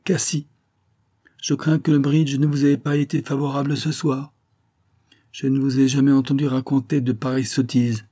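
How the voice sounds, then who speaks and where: A man reading aloud voicing a reserved, troubled woman who speaks in a quiet, restrained way. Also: fairly low pitch, normal speed, breathy edge. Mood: composed.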